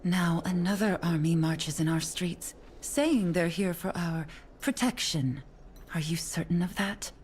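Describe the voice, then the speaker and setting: A woman's voice: lowish voice, a little slow, a little mellow, a little hiss or hum, lightly acted. A woman playing a grave, suspicious female elf banker in a fantasy game, speaking formally. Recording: faint music behind.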